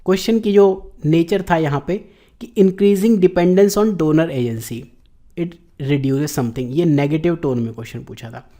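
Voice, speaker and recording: Mellow-voiced Indian man teaching exam prep. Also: a little high. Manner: explanatory, slows down to read English question text. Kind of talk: lecture explaining exam questions.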